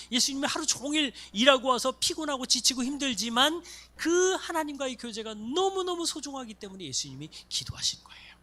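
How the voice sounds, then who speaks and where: A man preaching as pastor of a church, acting out little voices of people in his stories. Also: extremely high pitch. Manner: animated, acts out voices of congregants and students. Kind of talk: sermon. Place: church sanctuary.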